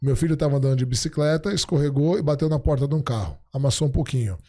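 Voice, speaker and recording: A middle-aged man, a podcast guest, chatting casually and telling stories, acting out the dialogue he quotes in an animated way. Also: medium pitch, fast talker. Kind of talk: casual storytelling chat.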